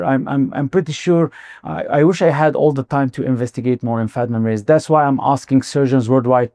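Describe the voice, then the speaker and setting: A man's voice: medium pitch, warm tone, no room sound. A middle-aged man, a guest surgeon in a podcast interview, speaking earnestly with many fillers and restarts. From Spain.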